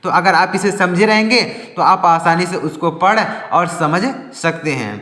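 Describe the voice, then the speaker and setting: A man teaching a slow reading lesson, spelling words out letter by letter, asking and answering his own questions and often correcting himself. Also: high voice, pushed and bright, reverberant, in a large hall.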